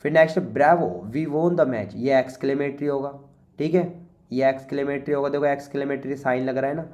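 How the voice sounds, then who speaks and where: A man with an Indian accent, teaching by walking through an exam paper in a chatty way, often saying "okay" and reading English lines slowly. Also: mid-range voice, a little mellow, dull audio. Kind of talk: exam paper walkthrough lesson.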